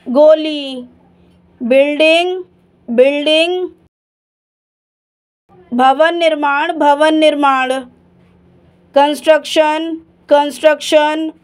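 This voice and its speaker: A woman reading a vocabulary list as a teacher, saying each word twice, slowly and evenly. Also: high voice. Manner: slow, measured, repetitive word-by-word reading.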